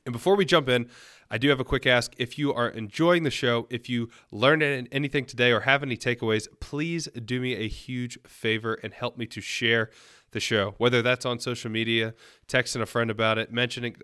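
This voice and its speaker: A man with a bright, mid-range voice hosts a solo motivational podcast, sounding upbeat, earnest and encouraging with a forceful edge. He has a cold, so he comes across a bit nasal. The recording is dry and clean, with a studio quality.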